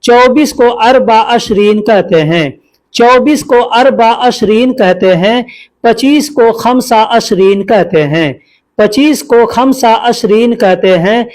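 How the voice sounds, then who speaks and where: High-voiced man teaching counting patiently. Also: takes it slowly, a little mellow. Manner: patient, repeats each line twice. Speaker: language teacher. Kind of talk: spoken language lesson.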